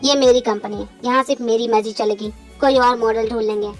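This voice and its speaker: A woman's voice: on the high side, fairly quick, faint music behind, natural voice. A woman voicing a cold mafia boss. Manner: flat, domineering, contemptuous. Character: cold possessive young mafia boss man. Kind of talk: fan audio drama voice acting.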